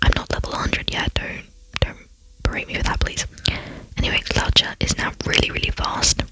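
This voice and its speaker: An ASMR channel host whispering softly while talking through gameplay, rambling and chatty with frequent fillers and self-deprecating asides. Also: normal speed, rough recording.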